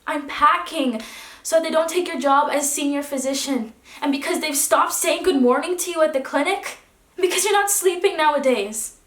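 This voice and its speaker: A woman's voice: fairly high pitch, steady tone, a little slow, long pauses. A woman playing a resigned wife leaving her husband. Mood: anguished. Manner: restrained, dropping to hushed tones, then rising. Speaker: actor. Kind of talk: theatrical stage monologue. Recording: echoey room.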